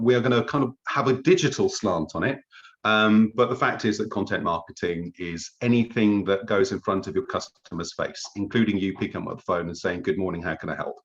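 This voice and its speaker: A man's voice: lowish voice, fairly bright tone. A man in his fifties leading an online webinar as trainer, chatty and self-deprecating with jokey grumbles, over a video call. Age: 50s. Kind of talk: casual online workshop talk. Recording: slightly dull lo-fi call audio.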